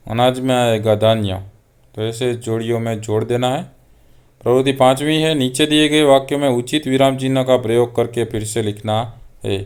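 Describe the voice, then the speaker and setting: Clear-voiced man teaching, monotone. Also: medium pitch. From Gujarat. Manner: steady, patient, reads items aloud one by one. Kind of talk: explaining homework answers.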